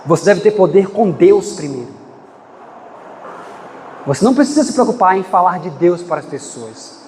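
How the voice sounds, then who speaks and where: A man preaches a fiery sermon in a very high voice, swinging between rushed and drawn-out phrases. His voice carries a long reverb, as if filling a big church hall. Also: expressive, a little mellow, a little hiss or hum. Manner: impassioned, dramatic swings in pitch and pace.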